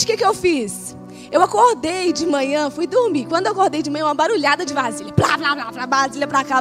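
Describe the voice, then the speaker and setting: High-voiced woman telling a lively sermon story. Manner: lively, laughing, dramatic storytelling. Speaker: youth service preacher. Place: church hall, live service. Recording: live sermon with background music.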